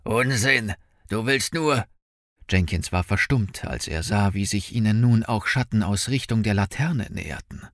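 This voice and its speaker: A man narrating an audiobook in an expressive, dramatic storytelling manner. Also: fairly low pitch, moderate pace, gravelly, few pauses, no echo, studio quality.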